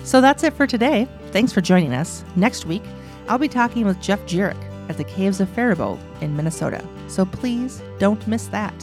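A woman hosting a radio show, reading scripted narration in a clear, measured way. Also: medium pitch, lively intonation, over music. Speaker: radio host.

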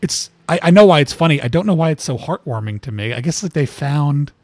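A man's voice: fairly high pitch, lively intonation, a little fast, darkish tone, no room sound, studio quality. A man talking casually as an interview guest, rambling with lots of fillers and laughing at his own stories. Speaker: cartoonist guest.

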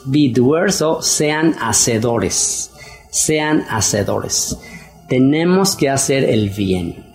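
Chatty man preaching with many fillers. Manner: conversational, with fillers and repeated phrases; acts out quoted wives in a higher voice. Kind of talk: casual sermon.

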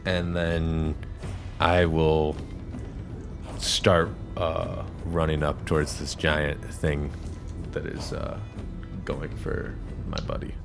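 A man's voice: very deep voice, flat delivery, takes it slowly, creaky, over music. A man taking part in a tabletop game as a player, chatting casually about his moves.

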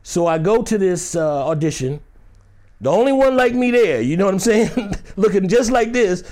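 In this interview clip, a guest spins a lively story and imitates the people in it, his loose delivery full of "you know." His voice sits high and sounds expressive and a little mellow, moving at a normal speed.

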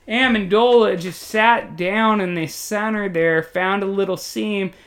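A man doing joking, excitable, folksy play-by-play commentary on a football video game. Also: fairly high pitch. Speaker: play-by-play announcer.

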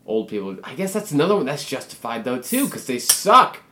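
A man on a casual podcast, ranting with theatrical, mock-angry swearing. His voice sits at an ordinary middle pitch. He talks loosely, full of fillers and restarts. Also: big pitch swings, a little fast, bright, forceful tone. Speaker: podcast co-host.

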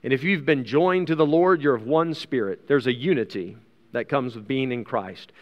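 The highs are cut off in this recording of an American preacher speaking at medium pitch and ordinary speed. Before a congregation in a large room with long hall reverb, he reads from scripture and talks conversationally, with asides and rhetorical questions.

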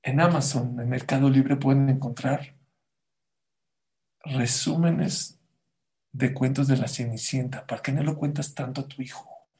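A man giving a Torah lesson, swinging between loud outbursts and hushed asides and asking his listeners many rhetorical questions. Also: medium pitch, steady tone, unhurried, long pauses. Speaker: rabbi teaching Torah.

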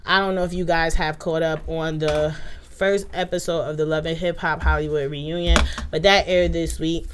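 Low-voiced woman host, under the weather. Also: level tone, normal speed, noisy background. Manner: loose, chatty delivery with many fillers. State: under the weather, a bit monotone. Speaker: podcast host. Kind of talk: casual chat.

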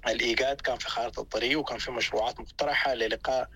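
A male interview guest with a Sudanese accent offers unscripted political analysis. His voice is bright and forceful, and he speaks fast in bursts, often stalling to repeat a word while he finds his phrasing. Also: mid-range voice, steady tone, slightly rough. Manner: halting, repeats words while searching for phrasing.

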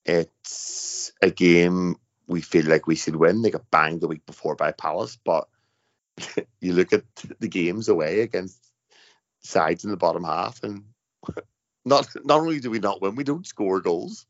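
A man's voice: sits low, measured pace, no echo. A man hosting a casual football podcast in an informal, emphatic way. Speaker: podcast host. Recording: dull lo-fi podcast sound, dry.

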